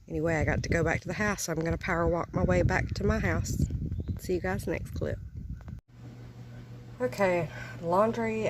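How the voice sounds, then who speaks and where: A lower-pitched woman, chatting casually to her viewers while she walks through the woods by a lake. She sounds a little out of breath. Clear outdoor noise sits behind her handheld recording. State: slightly out of breath. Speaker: vlogger. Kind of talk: casual vlog narration.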